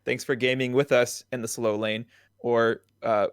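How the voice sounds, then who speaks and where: A man's voice: medium pitch, level tone, moderate pace, clear, resonant tone, dry recording, studio quality. A man co-hosting a casual gaming podcast, playful and jokey, with goofy asides. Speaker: podcast co-host.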